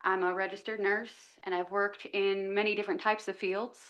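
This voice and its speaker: A woman's voice: medium pitch, level tone, normal speed, lo-fi sound. A woman, a registered nurse, giving an earnest and urgent public comment at a county meeting. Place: county commission meeting room.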